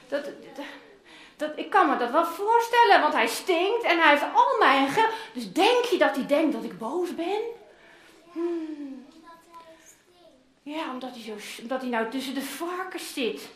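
Woman voicing fond old father in a kids' Bible role-play, high lively voice, roomy echo. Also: unhurried, heavily acted. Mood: coaxing. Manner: animated, coaxing, talks to the children. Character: loving older father longing for lost son. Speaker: children's Bible teacher. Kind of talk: interactive Bible story role-play for children. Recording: roomy echoing room.

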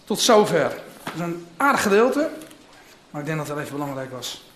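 A man's voice: a little high, very animated, a little fast, a bit bright, slight background noise. A man preaching, reading a scripture passage aloud and giving dramatic voice to the speakers in it, then starting his sermon. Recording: echoey room.

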